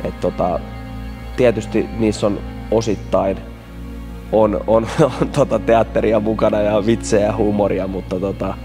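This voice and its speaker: A man giving a thoughtful, measured documentary interview, pausing on fillers. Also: lowish voice, fairly even intonation, music in the background.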